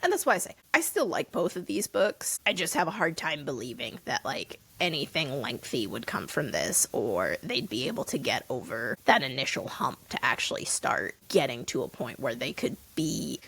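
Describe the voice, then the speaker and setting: A woman's voice: rumbling low, very animated, normal speed, vocal fry, few pauses, fairly bright tone, breathy edge. A woman co-hosting a podcast, chatting casually and offering teasing, opinionated takes on books. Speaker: podcast co-host. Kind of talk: casual chat about books.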